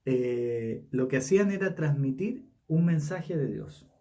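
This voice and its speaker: Man teaching with halting tag questions. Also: medium pitch, expressive, warm tone, distant mic. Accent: Chilean Spanish. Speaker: Bible study teacher. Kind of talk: casual Bible study teaching.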